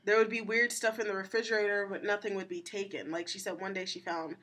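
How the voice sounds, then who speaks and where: A woman's voice: medium pitch, fairly even intonation, fast, fairly bright tone. Skeptical woman chatting on a podcast. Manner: skeptical, offers theories and retells anecdotes with asides. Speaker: co-host. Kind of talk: casual podcast chat.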